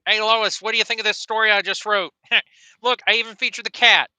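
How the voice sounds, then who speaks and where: Man mimicking a nasal, goofy cartoon dad, pitched up high and bright. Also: steady tone, a little fast, no echo, rough recording. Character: dopey middle-aged cartoon dad, goofy.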